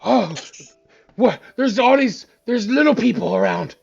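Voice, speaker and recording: Man acting a town drunk, paranoid conspiracy ranter, high strained pitch, wildly swinging intonation, tabletop role-play. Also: lively intonation, creaky, slightly rough, lo-fi sound, faint music behind, exaggerated voice. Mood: drunken protest. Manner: drunken, startled, drawn-out exclamations like a town drunk.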